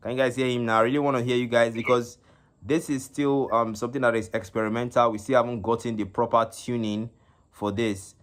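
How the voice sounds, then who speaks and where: Male esports host for a live stream, mid-pitched, stop-start delivery full of fillers, on a phone mic. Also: little pitch movement. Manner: halting, with many fillers and repeated words. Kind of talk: live stream game commentary.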